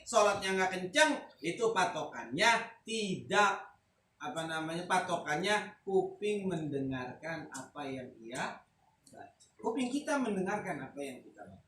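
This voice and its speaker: A man teaching a casual religious lesson, joking and dropping into Arabic recitation with slangy asides. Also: high-pitched. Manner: relaxed, joking, mixes Arabic recitation with Jakarta-style slang. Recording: echoey room, distant mic, faint noise.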